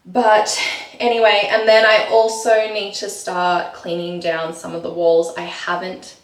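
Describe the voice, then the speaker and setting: A woman's voice: fairly low pitch, monotone, measured pace, far from the mic. A woman, chatting casually to camera in her bathroom, full of ums and likes. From Australia. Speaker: vlogger. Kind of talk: casual vlog chat. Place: home bathroom. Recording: echoey room, voice from off-mic.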